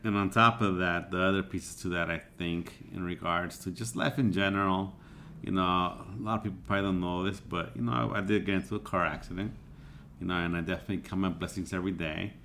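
A man's voice: low voice, steady tone, fast, bright, forceful tone, a little hiss or hum. A man hosting a casual podcast, talking in a loose, reflective way with lots of "you know" fillers. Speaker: podcast host.

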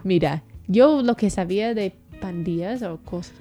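A woman from the United States, a guest telling a lively personal story and acting out the people in it. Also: medium pitch, unhurried, faint music behind. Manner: animated, acts out the people in her story.

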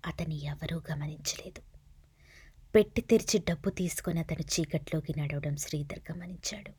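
A woman reads a serialized novel aloud in a soft, hushed narration. Her voice is husky and sits low in pitch. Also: normal speed, dry recording. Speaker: audiobook narrator.

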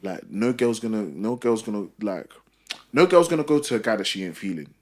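A man's voice: lowish voice, animated, brisk. A young man with a London roadman accent chatting casually in street slang, repeating his points with emphasis.

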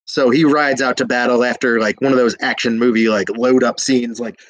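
A man's voice: medium pitch, steady tone, brisk, no echo, low-quality recording. A drunk young man retelling an old epic in a rambling, slangy way, with hiccups and lots of fillers. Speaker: drunk storyteller.

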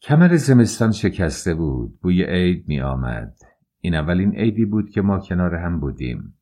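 A man narrating an audiobook in the first person, calm and measured. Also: deep voice.

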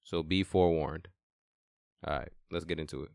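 A man's voice: a bass voice, steady tone, normal speed, creaky, a little mellow, clear, resonant tone, no echo, clean studio sound. A man in his twenties hosting a podcast, talking earnestly and often repeating words as he interviews a guest. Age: 20s. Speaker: podcast host. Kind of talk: casual interview.

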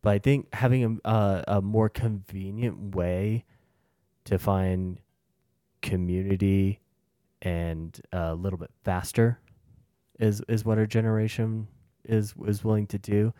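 Deep, mellow-voiced young man. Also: measured pace, no room sound, clean studio sound. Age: young adult. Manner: relaxed, rambling, with many restarts. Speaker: podcast co-host. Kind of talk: casual chat.

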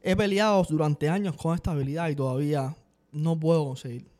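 A man chatting casually on a podcast, talking quickly and dropping English words into his Spanish. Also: fairly high pitch. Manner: fast, energetic talk sprinkled with English words. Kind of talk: casual chat.

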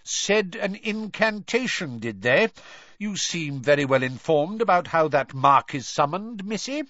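A man's voice: on the high side, sing-song, unhurried, fairly bright tone, no echo, dull audio, voice pushed up. A man voicing a stern, accusing government official in an audiobook, cold and curt, with a sarcastic, interrogating manner. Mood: scornful disbelief.

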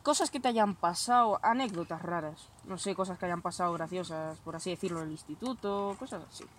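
A woman's voice: lowish voice, a little fast, a little hiss or hum. A young woman hosting a casual chat, telling stories animatedly and swearing freely. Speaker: host.

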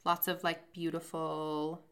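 A woman's voice: low voice, little pitch movement, slow, clear, resonant tone. A young woman co-hosting a podcast, talking in an enthusiastic, rambling and self-deprecating way. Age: young adult. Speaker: podcast co-host. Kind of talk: casual chat.

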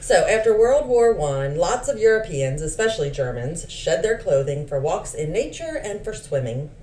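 A woman with a low, mellow voice that swings widely in pitch, reading history notes aloud for a podcast. She drops playful asides between the facts. The recording is roomy and slightly distant, with a faint hiss. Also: very animated, moderate pace. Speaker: podcast co-host.

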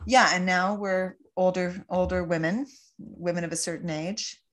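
A Canadian woman in her forties chatting casually as a podcast host, jokey and quick to recap a film plot. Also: on the low side, fairly even intonation. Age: 40s. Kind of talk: casual chat.

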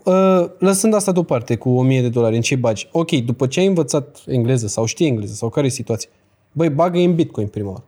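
A man's voice: medium pitch, expressive, mellow. A young man from Romania giving casual, blunt advice in a podcast chat, full of slang and rhetorical questions. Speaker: crypto guest.

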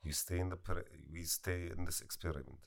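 A man voicing a stern male Soviet experimenter in a put-on accent, speaking slowly and deliberately during a casual podcast chat. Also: low voice, fairly even intonation. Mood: ominous.

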